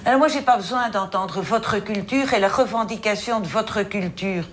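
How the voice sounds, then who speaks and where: A woman's voice: medium pitch, moderate pace, a little hiss or hum. A woman judge sternly questioning a defendant in her office. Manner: stern, pointed, interrogating. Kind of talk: courtroom questioning.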